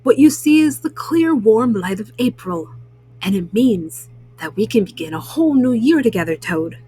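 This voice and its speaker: A woman's voice: a little high, expressive, normal speed, warm tone, husky. A woman voicing a cheerful, eager male frog in a storybook, coaxing and earnest.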